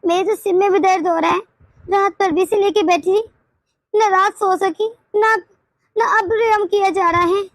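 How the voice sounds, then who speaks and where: High weary cartoon grandmother, complaining, sharp and close, voiced by a woman. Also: steady tone, normal speed, dry recording. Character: tired grumbling grandmother with a headache. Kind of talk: cartoon dubbing.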